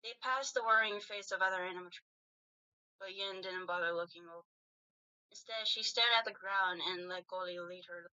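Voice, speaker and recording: A woman host reading fanfiction aloud with lively narration. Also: medium pitch, normal speed, smooth. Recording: dull lo-fi recording.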